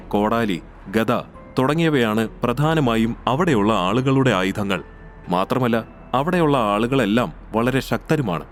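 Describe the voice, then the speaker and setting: A man narrating a scripted audio story in a steady, measured way. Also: medium pitch.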